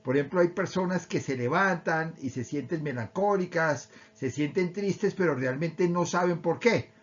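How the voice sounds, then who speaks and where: A man with a Colombian accent, calmly explaining how emotions work with everyday examples. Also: a little high, normal speed, lo-fi sound. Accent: Colombian Spanish. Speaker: speaker on emotional education. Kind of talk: explanatory talk.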